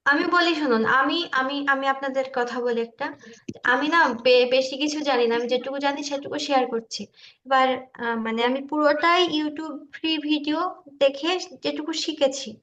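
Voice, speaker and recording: In a steady, fairly bright tone at moderate pace, a woman student walks viewers through uploading a video, though she sounds nervous, hesitant and self-deprecating in this informal online tutorial. Her video-call microphone yields muffled, low-fidelity meeting audio.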